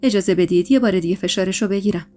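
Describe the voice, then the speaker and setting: A woman's voice: medium pitch, mellow, soft background music, natural voice. A woman voicing a kind village nurse who speaks in a friendly, matter-of-fact way.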